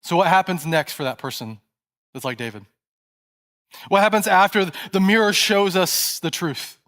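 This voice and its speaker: Pastor guy preaching in church, kinda high voice, tells it like a story, goes quiet and hushed for the tense bits. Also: moderate pace. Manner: storytelling sermon, dropping to soft, hushed tones at tense moments. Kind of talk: sermon.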